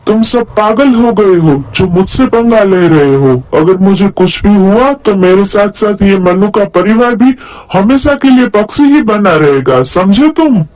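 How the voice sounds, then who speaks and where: A wicked cave witch snarls taunting threats in a high, pinched voice, as a man acts her out. She is the scheming villain of a cartoon, full of menace and scorn. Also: lively intonation, unhurried, a little mellow, low-quality recording. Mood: threatening.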